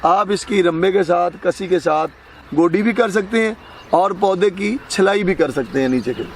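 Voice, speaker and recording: A man's voice: high-pitched, a little hiss or hum. A man with a Pakistani Punjabi accent, explaining crop care outdoors in an instructive, firmly corrective way. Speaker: farm expert guest. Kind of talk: explaining farming advice. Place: outdoors on a farm.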